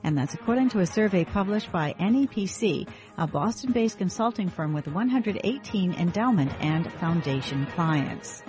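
A woman's voice: lowish voice, lively intonation, moderate pace, darkish tone. Woman business anchor over background music. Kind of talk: scripted market news update. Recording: music bed under speech.

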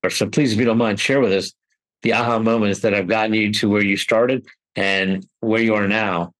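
A man hosting a podcast, introducing his guest and asking questions politely in a measured way. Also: fairly low pitch, fairly even intonation, fairly bright tone, low-quality recording. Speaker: podcast host. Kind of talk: interview hosting.

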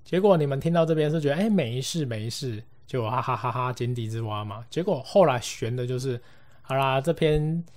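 A man with a Taiwanese Mandarin accent spins a casual ghost story for his podcast. He talks at a middling pitch and slips playfully into other people's voices as he goes. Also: fairly quick, darkish tone. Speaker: podcast host.

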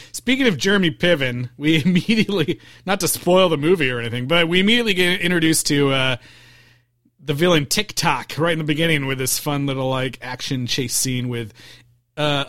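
Giggly guy on a podcast, kinda high bright voice, rambles and restarts a lot. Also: no echo, studio quality. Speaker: podcast co-host. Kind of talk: casual movie chat.

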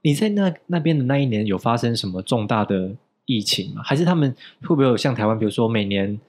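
Fast-talking Taiwanese host, teasing. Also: male voice, medium pitch, lively intonation. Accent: Taiwanese Mandarin. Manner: teasing, quick follow-up questions and jokes. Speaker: podcast host. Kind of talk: casual chat.

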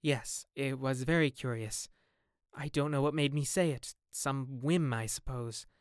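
A haunted young gentleman, melancholy and on edge, his voice raised with strain. A man performs him in a smooth, dry reading. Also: mid-range voice, measured pace, dry recording, natural voice. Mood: weary, nervous. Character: troubled, brooding young gentleman.

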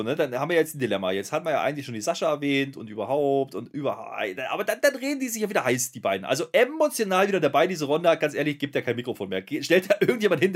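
A man co-hosting a casual wrestling recap podcast, ranting with exasperated sarcasm. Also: a little high. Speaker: podcast co-host.

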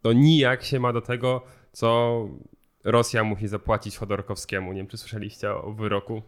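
Male podcast co-host, clear and resonant, measured and explanatory. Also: lowish voice, little pitch movement. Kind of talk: casual podcast discussion.

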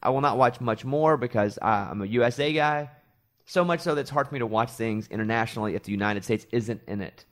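A morning show host from Arkansas chats casually on a podcast, telling rambling stories sprinkled with self-deprecating asides. He has a mid-range voice and talks fast.

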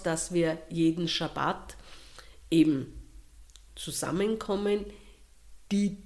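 Woman, Austrian accent, interviewee, slow deliberate delivery, lower pitch. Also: darkish tone. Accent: Austrian German. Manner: slow, thoughtful, with pauses and restarts. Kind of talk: interview answers.

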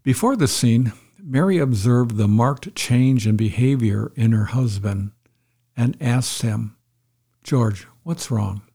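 A man giving a calm, reflective devotional talk as a pastor, retelling a story to make a point. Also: medium pitch, unhurried.

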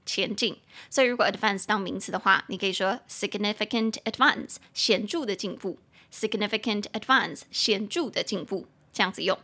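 A woman hosting a casual podcast lesson, translating phrase by phrase and spelling words letter by letter, chatty and quick to joke. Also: medium pitch, sharp tone, husky. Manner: chatty and joking, laughs easily. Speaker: English teacher and podcast host.

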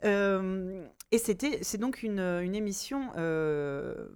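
A woman hosting a casual podcast chat, animated, laughing and breaking into mock voices. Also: mid-range voice, takes it slowly, clear, resonant tone. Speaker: podcast host.

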